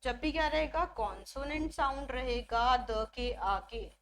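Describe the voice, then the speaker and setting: Grammar teacher, woman, high pitched, patient step-by-step explainer who keeps checking understanding. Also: a little hiss or hum. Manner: explains step by step, often asks "ठीक है" to check; mixes Hindi with English phrases, slows down on English examples. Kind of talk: exam-prep grammar lesson.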